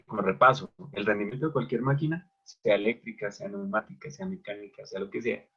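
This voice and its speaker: In a dull, lo-fi recording, a man with a mid-range, fairly bright and husky voice gives an online electrical machines lecture at a whiteboard. He keeps posing questions and then answering them himself.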